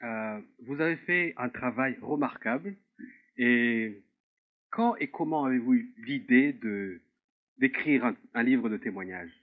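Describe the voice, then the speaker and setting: A man's voice: medium pitch, unhurried. A man hosting a television interview, speaking politely and formally with some hesitant fillers. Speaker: talk show host. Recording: tinny phone-like sound.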